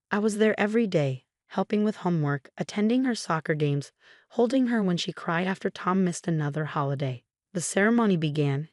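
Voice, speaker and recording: A woman narrating a first-person story in an even, measured way. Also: on the low side, dry recording, studio quality.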